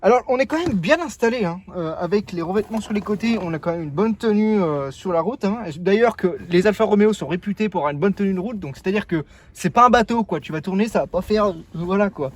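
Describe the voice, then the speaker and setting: Joking young man, high voice. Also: expressive, fast, few pauses. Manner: joking, loose and rambling with many fillers. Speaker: car vlogger. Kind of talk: casual car walkaround. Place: outdoors by a car.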